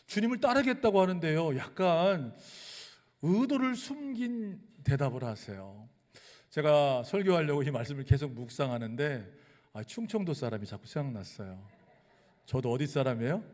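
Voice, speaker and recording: A man's voice: fairly high pitch, sing-song, moderate pace, a little mellow. A male pastor from delivering a sermon to his congregation and leading them through call-and-response readings. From Chungcheong region, South Korea. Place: church sanctuary. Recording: long church hall reverb.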